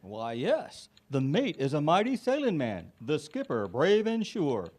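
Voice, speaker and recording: A man playing a jolly cruise skipper in a parody news interview, with a husky, singsong storytelling way of talking. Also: a little high, huge pitch swings, unhurried, a little mellow, exaggerated voice. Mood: jovial.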